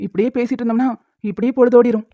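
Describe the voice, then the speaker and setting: A woman's voice: on the high side, fairly even intonation, rapid-fire, no echo, natural voice. A woman voicing a whiny bickering husband. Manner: loud protesting outbursts. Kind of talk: Tamil cartoon dubbing. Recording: tinny phone-like, dry.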